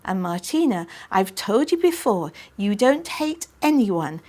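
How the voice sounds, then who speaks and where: A woman's voice: mid-range voice, very animated, measured pace, a little mellow. A woman reading a storybook, voicing a fussy, doting middle-aged mother who gushes and scolds. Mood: scolding. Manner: bossy, scolding, gushing. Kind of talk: audiobook reading.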